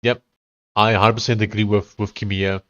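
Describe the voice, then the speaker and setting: A man's voice: fairly low pitch, level tone, fairly quick, a bit bright, highs cut off. Congested man with an Afrikaans accent. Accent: Afrikaans South African. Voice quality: congested, blocked-nose sound. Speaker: live streamer. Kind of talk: casual livestream chat while coding.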